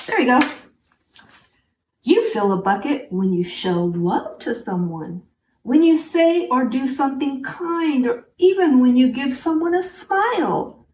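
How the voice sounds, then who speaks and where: A woman reads a picture book to children, speaking simply and encouragingly and talking directly to her young listeners. Her voice is high-pitched and darkish with big swings in pitch at a measured pace, captured by a distant mic in a roomy space with faint background noise.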